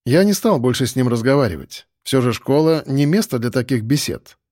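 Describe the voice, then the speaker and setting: A male audiobook narrator telling a first-person story. His read is steady and measured, at a middling pitch. The recording is dry and close, with no room sound. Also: dry recording.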